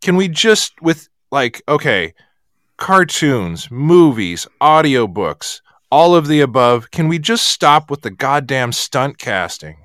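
A man hosting a podcast, his voice smooth and resonant against a dead-dry sound. He talks in casual chat, animated and ranting, swearing freely. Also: mid-range voice, takes it slowly, no room sound. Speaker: podcast host.

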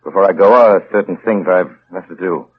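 An actor playing a vengeful, suave and commanding count in a measured, formally polite, theatrical old radio drama style. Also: male voice, low voice, husky. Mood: suavely polite. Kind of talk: 1940s radio acting. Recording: muffled, hissy old radio recording.

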